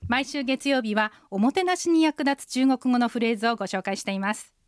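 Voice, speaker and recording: A woman co-hosting a radio language lesson, speaking clearly and carefully and repeating sounds for learners. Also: on the high side, animated, a little fast, no room sound, clean studio sound.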